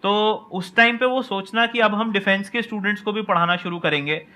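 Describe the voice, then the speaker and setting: A man speaking in a measured, explanatory way as a business co-founder on a discussion panel, mixing English words into Hindi. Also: sits high, bright, forceful tone. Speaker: co-founder of an online coaching channel. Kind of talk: conversational panel talk.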